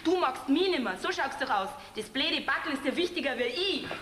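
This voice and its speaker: A young actress with a Bavarian accent playing a sharp, reproachful farmer's daughter in a folk theater comedy. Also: female voice, high-pitched, animated, a little fast. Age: young adult. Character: fiery young farm girl, quarreling with her fiancé. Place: theater stage. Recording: echoey theater hall with faint noise.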